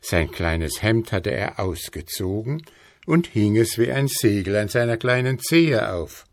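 Slow deep-ish guy reading a fairy tale, very expressive, dry close sound. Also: dry recording. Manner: slow, expressive, lively pitch. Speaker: storyteller.

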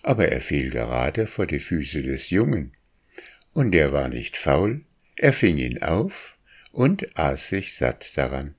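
A man narrates a storybook in a very low, unhurried voice. His reading is calm and measured, with plain, careful delivery and a leisurely pace that lets each scene unfold. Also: slightly rough. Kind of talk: audiobook narration.

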